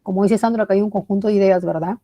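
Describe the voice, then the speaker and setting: A woman's voice: mid-range voice, steady tone, very fast, highs cut off. A woman teaching a language class, explaining step by step, praising students by name and checking in with "¿verdad?". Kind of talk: online class lecture.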